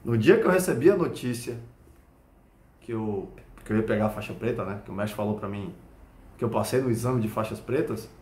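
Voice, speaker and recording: A Brazilian man, a Krav Maga instructor, explaining a point through an animated personal story and often checking whether the listener follows. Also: fairly low pitch, fairly quick. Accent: Brazilian Portuguese. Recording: echoey room.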